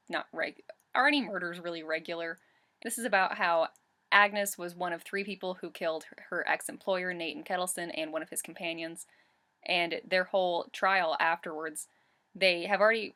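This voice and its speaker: Her voice is medium-pitched and a little bright. In her bedroom, in front of a bookshelf, this twenty-something reviewer chats excitedly on webcam about a book she read, fixing her words mid-sentence for a relaxed vlog.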